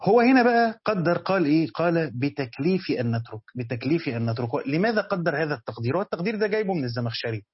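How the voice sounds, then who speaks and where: A man with an Egyptian Arabic accent gives a rapid classroom lesson on Quran commentary, keeping up a quick back-and-forth of questions to his students. His voice is slightly higher than most men's and somewhat husky. The recording sounds dull and lo-fi. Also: sing-song, no room sound. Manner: explains by asking students questions and answering them. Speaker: religious teacher.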